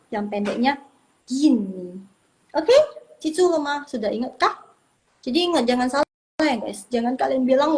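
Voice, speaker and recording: A woman teaches beginners Mandarin in a relaxed livestream. Her voice sits a little high, and she chats freely while repeating words to drill them. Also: poor audio. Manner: chatty, repeats and drills pronunciation.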